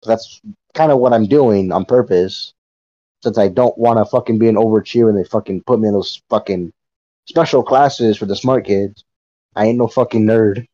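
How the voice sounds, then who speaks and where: A man chatting on a podcast in a dark, mellow voice, swearing freely and breaking into laughter as he rambles through a story. The recording sounds dull and lo-fi. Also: on the low side, moderate pace. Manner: profane, rambling storyteller who laughs often. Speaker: podcast co-host. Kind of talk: casual chat.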